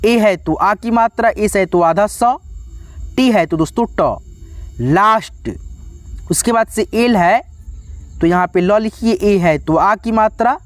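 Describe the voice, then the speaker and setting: A man's voice: sits high, no room sound. A man teaching an English spelling lesson step by step for beginners, speaking patiently and addressing his viewers as friends again and again. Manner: patient, repetitive, calls viewers "friends" often.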